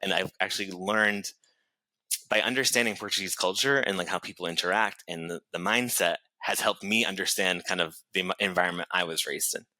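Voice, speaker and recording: A man with an American accent and a deep voice that still sounds strikingly bright and forceful. He rambles along as a podcast guest, leaning on filler words and breaking into small laughs. The sound is very dry and close. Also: fairly quick, dry recording, poor audio. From United States. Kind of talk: casual conversation.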